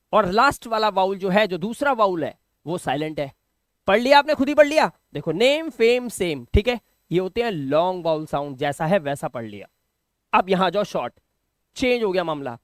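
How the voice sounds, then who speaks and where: A man's voice: sits high, no echo, studio quality. A man teaching English pronunciation in a patient classroom style, often asking a question and answering it himself.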